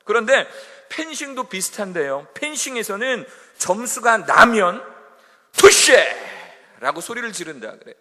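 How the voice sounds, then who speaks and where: A man giving a school chapel sermon in an animated way that builds to loud emphatic peaks. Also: high-pitched, moderate pace, hardly any pauses. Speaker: chapel preacher. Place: chapel hall. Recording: echoey hall with long reverb.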